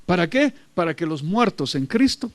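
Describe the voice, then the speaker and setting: A high-pitched man preaching with emphatic, repetitive phrasing. He keeps calling out to his listeners as brother. The sound is dry and close, with little room. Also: big pitch swings, normal speed, no echo. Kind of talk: sermon.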